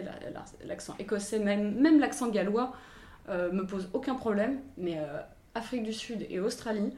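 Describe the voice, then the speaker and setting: A young woman in her twenties answers interview questions with a mid-range voice. She talks in a halting way, full of fillers and restarts. The sound is roomy and echoey. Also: mid-range voice, a little mellow, a little hiss or hum. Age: 20s. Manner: hesitant, many fillers and restarts. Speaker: language coach for actors.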